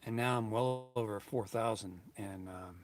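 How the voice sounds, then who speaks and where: A man's voice: fairly low pitch, moderate pace. A man in his fifties talking casually to his viewers, earnest and grateful, rambling with many restarts and fillers. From United States. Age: 50s. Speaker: YouTube channel host. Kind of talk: casual vlog talk to viewers.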